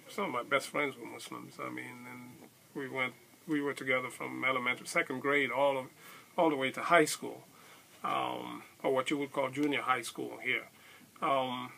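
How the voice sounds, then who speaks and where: A middle-aged man from Senegal, recounting his life story in a casual, hesitant way with many pauses and restarts. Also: medium pitch, vocal fry, pushed and bright, a little hiss or hum. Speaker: convert telling his story. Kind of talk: casual spoken testimony.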